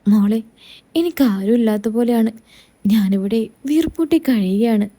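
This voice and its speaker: A woman's voice: a little high, moderate pace, close to an everyday voice. A woman voicing a lonely widowed father-in-law. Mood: sorrowful. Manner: soft, tender and pleading.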